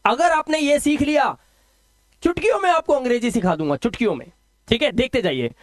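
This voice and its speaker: A man explains a lesson in a high, animated voice and keeps asking his viewers questions before he answers them himself. The sound is dry and close, with no room around it. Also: fairly quick, dry recording. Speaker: English teacher. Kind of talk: classroom-style video lesson.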